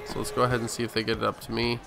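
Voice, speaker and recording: Over clear basketball game sounds, a man running a gaming video offers relaxed, present-tense play-by-play. His mid-range voice is monotone and very fast.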